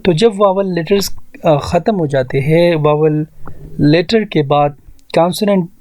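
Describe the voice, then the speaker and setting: धीमे बोलने वाला पुरुष शिक्षक. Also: male voice, fairly high pitch, a little mellow. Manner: slow, spells words out syllable by syllable; mixes Hindi-Urdu explanation with read-out English rules. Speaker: English teacher. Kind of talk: classroom grammar lesson.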